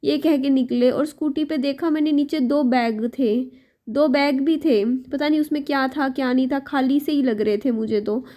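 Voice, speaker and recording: High-voiced young woman venting her worries. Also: steady tone, moderate pace, warm tone. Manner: worried, venting, talks to viewers directly. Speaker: vlogger. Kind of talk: confessional vlog while cooking. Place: home kitchen. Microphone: camera set up nearby.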